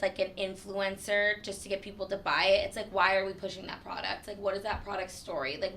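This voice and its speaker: Her voice is mid-range, pushed and bright, with slight background noise in the recording. She's a woman in her twenties from New Hampshire, a creative director appearing as a podcast guest and talking casually with plenty of "like" fillers.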